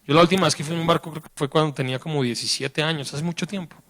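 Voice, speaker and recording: Lively high-voiced preacher. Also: male voice, racing. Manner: colloquial, animated storytelling with acted quotes. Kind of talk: sermon. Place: church.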